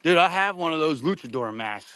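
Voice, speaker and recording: A man chatting casually about sports in a slangy, animated way. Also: fairly high pitch, brisk, clean tone.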